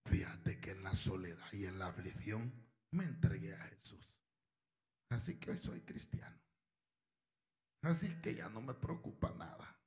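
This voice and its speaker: A man voicing a sneaky male thief who mutters to himself in a hushed, half-whispered way. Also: deep voice, sing-song, unhurried, pauses often, voice pushed down. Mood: contented.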